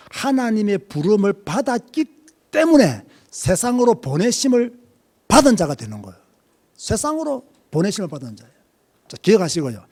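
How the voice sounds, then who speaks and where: Lively Korean preacher. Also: male voice, high-pitched. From Korea, Busan. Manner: lively preaching, questions to the congregation. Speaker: pastor. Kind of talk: sermon.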